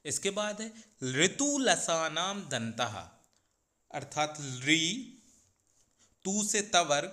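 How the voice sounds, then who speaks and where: Slow, bright-voiced male teacher. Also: fairly high pitch, very animated. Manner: slow, deliberate, sounds out each letter. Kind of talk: grammar lesson.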